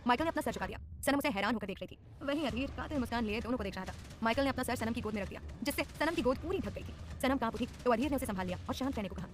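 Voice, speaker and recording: A woman narrating a dramatized audio story in a brisk, expressive way. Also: a little high, slight background noise.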